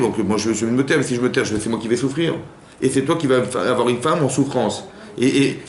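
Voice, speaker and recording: Guy rabbi lecturing a women's class, chatty, keeps repeating himself, roomy echo and a faint hum. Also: mid-range voice. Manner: conversational, many repetitions and restarts, acts out quoted spouses. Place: community hall class. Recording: echoey room with faint hum.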